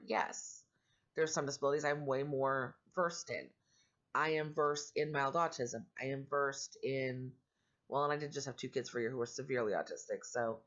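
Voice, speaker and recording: A middle-aged woman vlogging casually in a candid, rambling, matter-of-fact way, her voice growly and roughened by allergies. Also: rumbling low, fairly bright tone, lo-fi sound. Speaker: vlogger and foster parent. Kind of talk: casual personal vlog talk.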